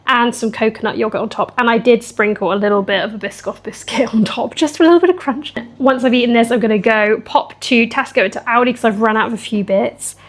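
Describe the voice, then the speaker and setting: A young woman chatting casually in a fitness vlog, emotional and quick to laugh. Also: on the high side. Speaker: fitness vlogger.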